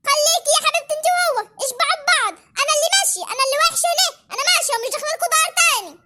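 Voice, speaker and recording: A voice actor playing a bickering old village mother-in-law, shrill and scolding in a cartoon. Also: racing. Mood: sulking. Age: older. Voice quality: squeaky, shrill. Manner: scolding, dramatic wailing. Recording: loud background noise.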